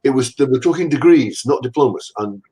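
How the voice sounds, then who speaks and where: Over a video call, a guest anatomist from England, an older man, wanders through self-mocking tales from his career in a relaxed interview. He talks a little fast, animated, with a mellow, slightly rough mid-pitched voice.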